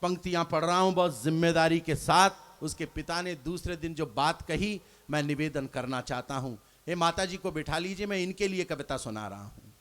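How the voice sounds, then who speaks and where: A man's voice: a little high, moderate pace, few pauses, a bit bright. A man performing his poetry on stage at a live poets' gathering, declaiming each couplet twice and speaking straight to the audience.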